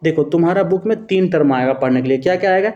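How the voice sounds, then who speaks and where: Speaking fast in a slightly high yet dark, mellow voice, a man patiently walks his students through each exam-prep answer choice, tossing them rhetorical questions and fondly calling them "babu." He corrects himself mid-sentence, and the audio sounds dull in the echoey room.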